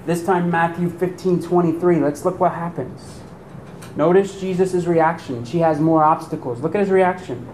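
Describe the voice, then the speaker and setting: Male preacher, lively delivery, rhetorical questions to the pews, slightly raised pitch, roomy echo. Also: normal speed. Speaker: pastor. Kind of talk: sermon. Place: church sanctuary. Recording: echoey room with faint rumble.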